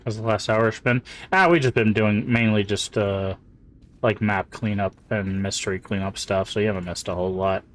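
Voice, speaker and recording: Male game streamer, deeper voice, laid-back running commentary, soft mumbled asides. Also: moderate pace, slight background noise. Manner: relaxed, chatty, mumbles asides. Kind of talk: casual live-stream commentary.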